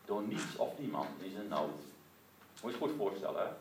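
A man preaching a sermon to listeners at home, telling the story lively with many rhetorical asides and closing in prayer. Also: deep voice, normal speed. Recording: roomy echo, distant mic, faint noise.

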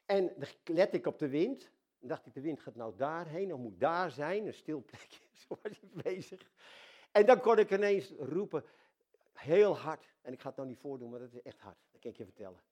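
An older man preaching a sermon, talking to God as his dad, swinging from soft intimate asides to loud excited exclamations. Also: fairly high pitch, moderate pace. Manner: addresses God casually as dad.

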